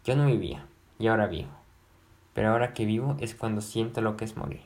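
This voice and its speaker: A man reading aloud, voicing an agitated, lovesick gentleman who pleads and repeats himself. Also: lowish voice, quick pace, natural voice. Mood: impassioned. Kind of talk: audiobook narration.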